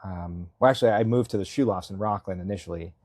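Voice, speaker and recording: Speaking quickly in a low, slightly mellow voice, a Massachusetts man in his thirties chats as an interview guest about his selectboard candidacy. He's rambly and self-deprecating, full of fillers and frequent laughs and chuckles. The recording is clean studio sound without echo.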